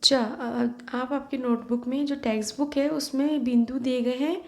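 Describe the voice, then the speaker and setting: A woman's voice: high voice, fairly even intonation. A woman teaching a class of young children, drawing out each sound for pupils to repeat and mixing English phrases into her Hindi. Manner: slow, drawn-out repetition for pupils to echo. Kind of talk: online lesson for young children. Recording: echoey room.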